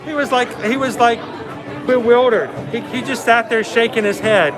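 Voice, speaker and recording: A man with a high voice hosts a casual livestream over music and crowd chatter. His R sounds come out like W, and he tells stories in an animated way. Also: normal speed, low-quality recording. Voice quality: speech impediment on R sounds, says w for r. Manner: animated storytelling with acted-out quotes. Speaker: livestream host. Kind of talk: casual livestream chat at a theme park. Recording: background music and crowd noise in public space. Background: theme park music and crowd chatter.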